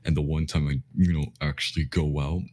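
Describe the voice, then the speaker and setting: A man with an extremely deep voice co-hosts a casual podcast. He stumbles and restarts words often and drops "bro" into his sentences. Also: flat delivery, a little fast, dark tone. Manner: stammering restarts, says "bro" a lot. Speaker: podcast co-host. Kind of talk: casual chat.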